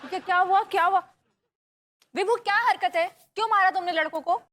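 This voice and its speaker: A brisk bossy wife. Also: female voice, extremely high pitch, noisy background. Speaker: sitcom wife.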